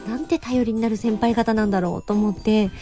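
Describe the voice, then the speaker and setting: A woman's voice: fairly high pitch, fairly even intonation, a little fast, dark tone, faint music behind. A woman guest on a radio show, talking politely, apologizing often and giggling. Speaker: guest singer. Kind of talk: casual radio chat.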